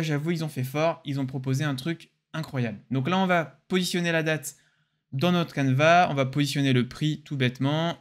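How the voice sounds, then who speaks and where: A young man with a French accent hosting a casual, enthusiastic software tutorial. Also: on the high side. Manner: casual, joking, enthusiastic explainer. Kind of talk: screen-recorded software tutorial.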